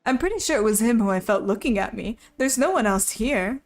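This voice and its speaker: A woman's voice: on the high side, lively intonation, fairly quick, soft background music. A young woman streaming a visual novel, playfully reading its narration and lines aloud. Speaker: game streamer.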